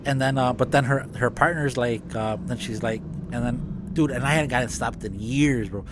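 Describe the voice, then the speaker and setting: A man who owns a business, speaking as a guest in a casual podcast conversation and talking in a relaxed, halting way. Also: medium pitch, noisy background. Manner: relaxed, halting with many restarts and fillers.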